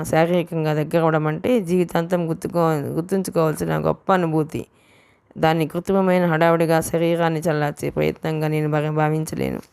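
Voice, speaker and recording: Woman reading young man in love, audiobook, earnest, confiding, low voice, smooth. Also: darkish tone.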